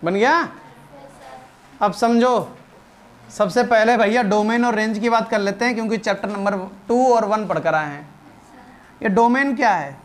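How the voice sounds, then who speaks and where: A male math teacher lecturing a class in a fairly high voice. He repeats each point again and again, urging students to hurry and memorize. A faint ambient hiss sits under his voice. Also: unhurried, long pauses. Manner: emphatic and repetitive, drilling students; coaxing, calls students "beta".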